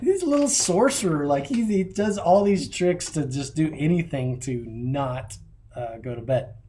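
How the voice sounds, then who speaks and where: A man's voice: mid-range voice, unhurried, a little hiss or hum. Rambling storytelling dad in his thirties. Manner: rambling, animated storyteller who laughs at his own stories. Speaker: podcast host. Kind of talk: casual chat.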